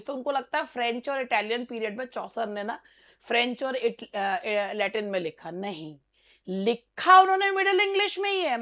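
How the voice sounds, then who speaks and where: A woman teaching English literature in an exam-prep lecture, mixing Hindi and English and repeating key terms slowly. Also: high voice, a bit bright.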